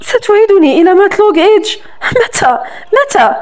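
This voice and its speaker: A woman's voice: very high voice, expressive, brisk, pitched above the performer's own voice. A woman reading the lines of an eager, emotional young woman in love, in a romance audiobook.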